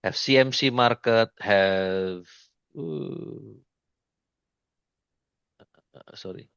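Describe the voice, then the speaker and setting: A man giving an informal screen-share trading lesson, speaking haltingly with many restarts and repeated pointers to the chart. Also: on the low side, creaky, fairly bright tone, clean tone, no echo, lo-fi sound. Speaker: trading mentor.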